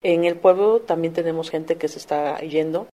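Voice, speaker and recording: A middle-aged Mexican woman, a community volunteer coordinator, earnestly recounts her community work in a documentary interview. She tells it plainly, with everyday fillers, at normal speed in a low, dark-toned voice.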